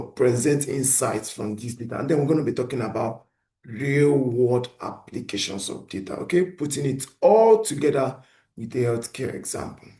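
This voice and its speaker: An instructor lectures beginners in an animated way, frequently posing a question and answering it himself. His voice is mid-range, and the room has an echo.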